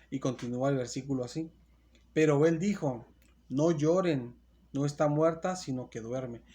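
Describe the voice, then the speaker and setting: A man's voice: medium pitch, dark tone, a little hiss or hum. Earnest male preacher retelling scripture. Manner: repetitive, earnest preaching with restarts and self-corrections; reads scripture aloud, then retells it. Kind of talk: sermon.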